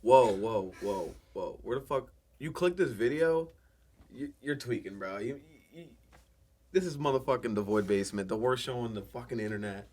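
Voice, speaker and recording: A man's voice: mid-range voice, normal speed, darkish tone. Profane young male podcast host. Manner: loose, profane slang-heavy talk. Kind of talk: casual podcast interview.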